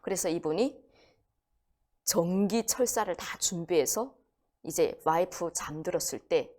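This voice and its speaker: A woman's voice: fairly low pitch, a little slow. Woman telling a story. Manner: animated, acts out quoted voices. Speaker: guest storyteller. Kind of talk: conversational storytelling.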